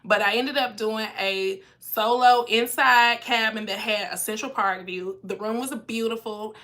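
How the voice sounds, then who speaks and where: A woman's voice: a little high, fairly even intonation, unhurried, bright, forceful tone. A young woman chatting casually on a live stream as a cruise vlogger and travel agent, her voice nasal and congested from a cold. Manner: chatty, reads out viewer comments.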